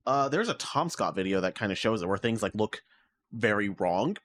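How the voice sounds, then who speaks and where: A man's voice: lowish voice, expressive, moderate pace, a bit bright. A man co-hosting a casual podcast, rambling and exasperated as he rants, with lots of fillers, heard through his mic on an online call. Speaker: podcast co-host. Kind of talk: casual chat.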